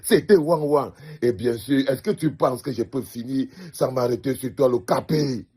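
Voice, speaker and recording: A man with a Cameroonian French accent talks straight to the players in a comic monologue, with a husky, slightly breathy voice. He sounds fatherly and teasing and drives his points home by saying them again and again. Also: mid-range voice, normal speed, mellow. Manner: emphatic repetition, fatherly teasing. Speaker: comedian addressing the national team. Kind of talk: comedic monologue.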